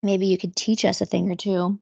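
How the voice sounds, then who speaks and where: A woman's voice: medium pitch, flat delivery, fairly quick, creaky, mellow, husky, no room sound, highs cut off. A married woman co-hosting a podcast, chatting casually, laughing often and acting out her own reactions. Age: adult, married. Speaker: podcast co-host. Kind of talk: casual chat.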